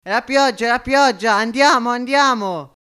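A man voicing an excitable, scheming poor laborer in an amateur audiobook reading. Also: mid-range voice, normal speed, natural voice. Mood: eager. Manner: eager, blustering, conspiratorial.

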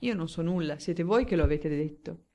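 A wary young baron who gives short, dry, evasive answers, as a woman reading the novel speaks for him. The voice is low for a woman and close to her plain reading tone. The delivery stays reserved and clipped, an audiobook character. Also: moderate pace, warm tone. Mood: guarded. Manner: terse and dryly evasive. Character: guarded young male baron, evasive and wry.

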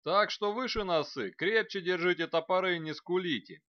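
Male narrator doing a rough company sergeant for an audiobook, loud barking delivery, dry and slightly dull sound. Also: high voice, normal speed, no echo, voice pushed up, lightly acted. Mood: gruff reassurance. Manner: loud barking, blunt pep talk. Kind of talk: audiobook character voice.

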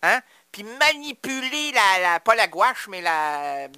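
A radio host putting on a rueful sculptor who rambles and stumbles through his story in a bright, forceful voice, as dry and close as a studio booth. He halts and restarts with a self-mocking touch. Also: high voice, sing-song, slow pace, smooth, dry recording, voice pushed down, exaggerated voice. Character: male sculptor, 25 years, cut his fingers, now works with his feet.

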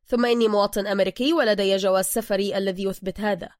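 A woman's voice: medium pitch, steady tone, fast talker, no echo, studio quality, natural voice. A woman voicing an irritated American tourist man who speaks in stiff formal phrases.

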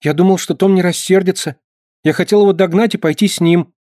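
A man voicing an excitable little farm boy who talks eagerly in a high, shrill voice. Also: brisk, dry recording, studio quality, lightly acted.

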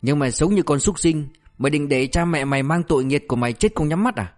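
A man's voice: on the high side, fast, pitched above the performer's own voice, close to an everyday voice. A man voicing a ruthless male police officer who berates a suspect with harsh, relentless abuse. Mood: contemptuous.

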